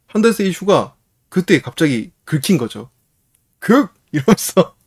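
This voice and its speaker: A man hosting a casual manga review, retelling the story in a lively, chuckling way. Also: fairly high pitch, moderate pace.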